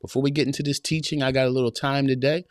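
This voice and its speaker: A podcast host in his forties races along in a level, medium-pitched voice, recorded cleanly in studio quality without echo. He's live-streaming from a small home room, greeting viewers and repeating phrases with the rhythm of a preacher.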